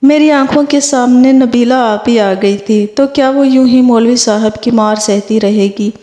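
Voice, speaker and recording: A woman's voice: fairly high pitch, mellow. A woman narrating an emotional first-person moral story in an earnest way. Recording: roomy echo.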